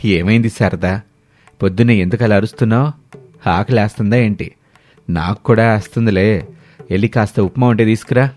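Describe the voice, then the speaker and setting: Give me a man doing a weary old father in a cartoon, scolding his sons over soft background music. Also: on the low side, a little fast, long pauses, natural voice. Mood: puzzled. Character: older village man, weary head of a poor family.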